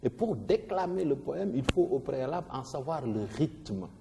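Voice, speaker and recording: A man, teaching a poetry lesson in an animated way, stressing syllables and often restarting his words. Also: medium pitch, moderate pace, gravelly, noisy background. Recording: long reverb.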